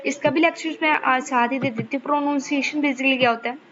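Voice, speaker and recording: Woman, patient teacher, fairly high voice, muffled recording. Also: fairly even intonation, fast talker, fairly bright tone, a little hiss or hum. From Pakistan. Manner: keeps checking in with the class, repeats points patiently. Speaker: online course teacher. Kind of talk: explanatory lecture to students.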